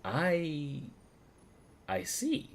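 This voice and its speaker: A man's voice: a little high, sing-song, very slow, vocal fry, a little hiss or hum. A man streaming a video game, rambling casually with lots of fillers, swearing and laughter. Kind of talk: casual live commentary.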